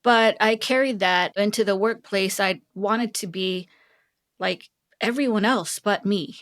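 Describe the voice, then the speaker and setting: A heavily pregnant South Korean woman in her thirties, a tech executive, appears as a guest on a podcast interview. She speaks earnestly and reflectively at an unhurried pace, with a medium-pitched, fairly bright voice and frequent light laughs.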